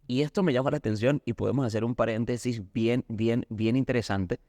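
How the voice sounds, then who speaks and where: A man's voice: mid-range voice, steady tone, fairly quick, dark tone, no room sound, clean studio sound. A man with a Colombian accent, a pastor earnestly explaining a Bible lesson in a recorded discussion. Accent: Colombian Spanish. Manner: earnest teaching, acts out anecdotes.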